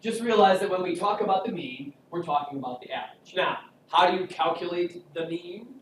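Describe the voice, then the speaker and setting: A man's voice: high-pitched, fairly quick, far from the mic, a little hiss or hum. Man lecturing in an echoey classroom. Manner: joking, chatty, asks class questions. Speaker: statistics instructor. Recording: echoey classroom recorded from afar.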